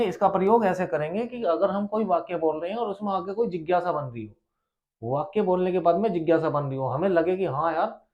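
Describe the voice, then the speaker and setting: A man teaching a grammar lesson for exam preparation, explaining with rhetorical questions and repeating key terms. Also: high-pitched. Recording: dull lo-fi sound.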